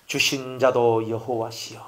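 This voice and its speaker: A man with a Gyeongsang accent voicing a devout, suffering old man who speaks in a solemn, quiet, resigned way. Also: medium pitch, little pitch movement, a little slow, pitched below the performer's own voice, close to an everyday voice. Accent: Gyeongsang Korean.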